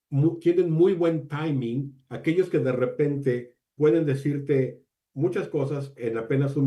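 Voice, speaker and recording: Man presenting a teacher webinar, mellow voice. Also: medium pitch. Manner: measured, uses deliberate pauses, asks the audience questions. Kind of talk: online teacher training talk.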